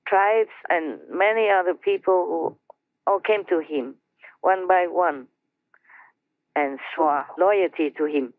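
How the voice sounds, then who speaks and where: A woman slowly telling a story to her team over a conference line, chatty and laughing between phrases. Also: lowish voice, no echo. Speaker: spiritual teacher telling a story. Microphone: phone or conference line. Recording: tinny dry phone line.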